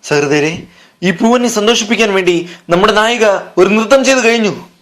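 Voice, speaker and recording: A man's voice: high voice, animated, normal speed, fairly bright tone. A male storyteller narrating a comic tale in a dramatic, mock-grand manner.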